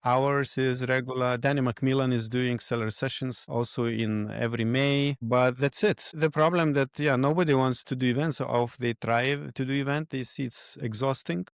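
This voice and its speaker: A man, a podcast guest who talks in halting phrases and searches for his words. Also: mid-range voice, steady tone, creaky, smooth, no echo, studio quality. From Lithuania. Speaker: guest, event organizer. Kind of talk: podcast interview.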